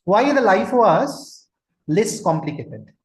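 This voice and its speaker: A man's voice: high voice, very animated, slow. Indian man lecturing with roomy echo. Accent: Indian English. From Kolkata, India. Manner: asks listeners questions, drops into Hindi. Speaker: trainer, lecturer. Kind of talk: online lecture.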